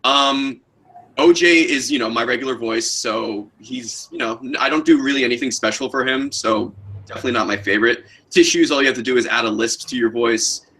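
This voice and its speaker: Casting note: male streamer, bright tone, a little husky, animated and laughing. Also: mid-range voice, a little fast. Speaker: co-host, voice actor. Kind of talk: casual livestream chat.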